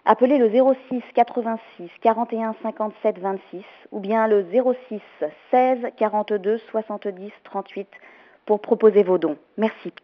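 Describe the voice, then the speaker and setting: A woman leaving a recorded phone message, clearly reading out an appeal and a list of phone numbers. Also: mid-range voice, moderate pace, a little hiss or hum. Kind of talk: message left on a phone answering line. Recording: dull lo-fi phone line.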